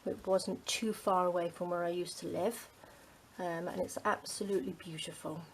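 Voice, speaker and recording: Rambling and casual, this middle-aged Englishwoman hosts a craft channel, speaking at a normal speed in a steady, lowish voice dotted with ums. She frequently sinks into a near-whispered murmur as she works. The recording is rough, with a faint hiss underneath.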